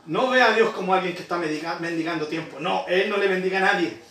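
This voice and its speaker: A man preaching a sermon to his congregation, emphatic, with sudden shouts and slow repeated lines. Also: high-pitched, echoey room. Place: church.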